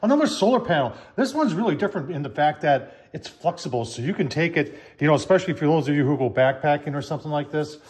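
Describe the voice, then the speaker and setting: A man's voice: on the high side, lively intonation, fast, hardly any pauses, darkish tone. An older man chatting casually at home in his kitchen, reviewing a product in a folksy way, calling his viewers "folks", with the phone camera close at hand.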